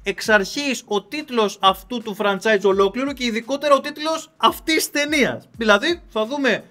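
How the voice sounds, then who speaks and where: A man hosting a comedic film review, sarcastic and mock-dramatic. His voice is very high and bright. He piles on theatrical exaggeration.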